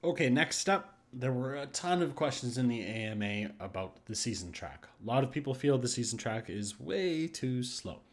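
With lively intonation and hardly any pauses, a man talks at a moderate pace in a mid-range voice. He's a gaming YouTuber doing voice-over on screen capture, casually musing through game patch notes with restarts and hesitations.

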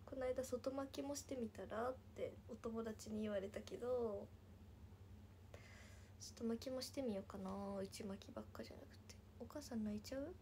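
A woman's voice: a little high, normal speed, dark tone, slight background noise. Giggly young Nagasaki-accented woman. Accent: Nagasaki Japanese. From Nagasaki, Japan. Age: 20s. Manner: chatty and giggly, often dropping to a whisper. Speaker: idol livestreamer reading viewer comments. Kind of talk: casual livestream chat.

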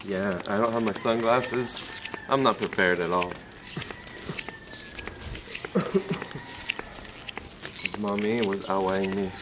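A man's voice: on the low side, extremely slow, pauses often, noisy background. A man in his thirties chatting casually and teasing his family while filming outdoors by a pool on a handheld camera. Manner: chatty, teasing, encouraging kids. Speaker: family vlogger. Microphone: handheld camera mic.

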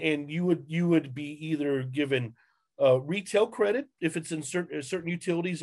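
Man giving a webinar, fairly high voice, halting, lots of ums, webcam mic. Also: darkish tone. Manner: halting, many fillers and restarts. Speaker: webinar presenter. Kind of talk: webinar slide presentation. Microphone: webcam on video call.

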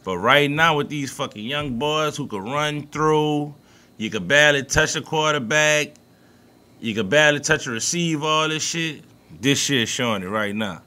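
A man's voice: fairly high pitch, moderate pace, bright, forceful tone. A man with a New Orleans accent co-hosting a podcast, talking sports in a loose, profane, emphatic way. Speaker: podcast co-host. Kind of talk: casual sports talk.

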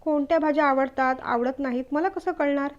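A woman's voice: sits high, brisk, muffled recording, natural voice. Woman voicing a shy young bride. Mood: timid. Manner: hesitant, quiet. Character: shy, timid young newlywed wife.

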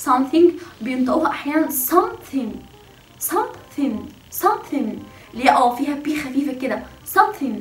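A young Egyptian woman hosting a casual video lesson, explaining chattily and slowly sounding out words to demonstrate pronunciation. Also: high-pitched, darkish tone, slight background noise. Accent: Egyptian Arabic. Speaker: language teacher and channel host. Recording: roomy echo, mic at a distance.

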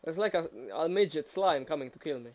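A man's voice: on the high side, brisk, dull audio. A young man chatting casually and teasing his friend while they play a co-op game. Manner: teasing, joking. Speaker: gamer. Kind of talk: casual co-op gameplay chat.

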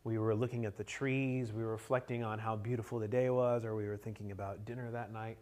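A riding coach in his thirties gives an energetic, joking classroom lecture on motorcycle cornering, gesturing at a whiteboard in a conference room where a group sits around tables. His voice is on the low side and quick, captured by a camera at the back of the room with no visible mic.

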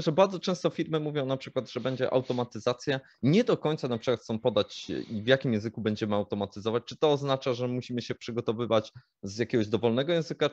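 A man co-hosting a vlog, asking measured follow-up questions in a casual talk. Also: medium pitch, dry recording, lo-fi sound. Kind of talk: casual conversational Q&A.

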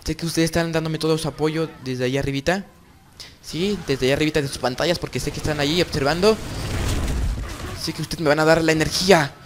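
A young man giving excited gameplay commentary as host of his gaming channel, repeating phrases over and over. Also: fairly high pitch, fast talker, slight background noise.

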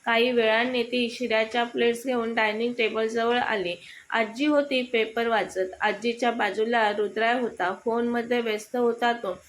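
A woman reading aloud as the storyteller of a romantic story, in a steady, even way. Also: a little high, normal speed, slight background noise. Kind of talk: read-aloud story narration.

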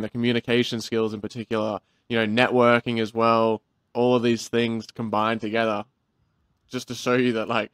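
A man's voice: medium pitch, a bit bright, clear, resonant tone, no echo. A young man from Australia hosting a podcast interview, enthusiastic and casual, saying 'like' often.

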